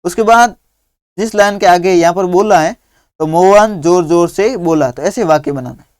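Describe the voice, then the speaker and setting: A man teaching young children through a workbook, dictating words slowly and patiently one at a time. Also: sits high, no room sound, studio quality.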